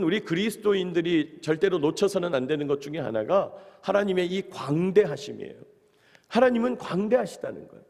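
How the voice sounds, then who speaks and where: A man's voice: high-pitched, creaky, big-room sound. A male pastor preaching an earnest early-morning sermon, often turning to address the congregation directly. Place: church sanctuary.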